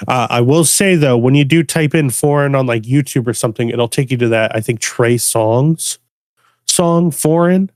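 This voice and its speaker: Young man, relaxed podcast guest, loose and chuckling, dry close sound. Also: medium pitch, normal speed, no room sound. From United States. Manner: laid-back, laughs often, repeats words. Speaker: guest bass music producer. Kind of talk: casual podcast conversation.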